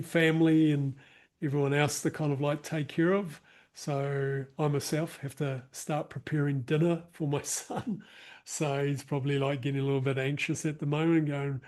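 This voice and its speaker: Wrapping up an online workshop for a live group, a New Zealand-accented man speaks casually over a video call mic with frequent fillers and restarts. His voice is a little high and a little mellow.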